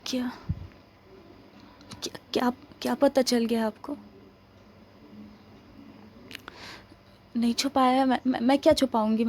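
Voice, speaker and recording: A woman's voice: fairly high pitch, darkish tone, a little hiss or hum, close to an everyday voice. A woman voicing a young woman stranded behind enemy lines in an ASMR role-play, grumbling to herself and pleading with stammers. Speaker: ASMR roleplay performer.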